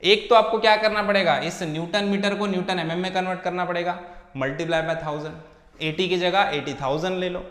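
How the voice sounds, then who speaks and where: A man's voice: high-pitched, fairly bright tone. A man teaching engineering mechanics, explaining a solved problem step by step in a conversational way, often checking with his students and answering his own questions. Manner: asks questions and answers them himself. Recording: echoey room with a long reverb tail.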